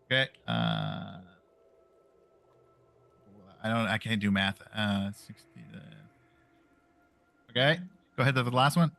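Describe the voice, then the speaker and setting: Low-voiced man fumbling game math. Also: slow, gravelly, long pauses, sharp tone. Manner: casual, fumbles with the numbers. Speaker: player. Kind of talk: playing a tabletop game.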